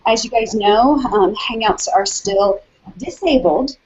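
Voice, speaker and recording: Husky woman on a lo-fi video call. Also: on the high side, a little slow, darkish tone. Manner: chatty, many ums and restarts. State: slightly out of breath from walking. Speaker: hangout host. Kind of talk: casual video call chat. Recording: dull lo-fi video call audio.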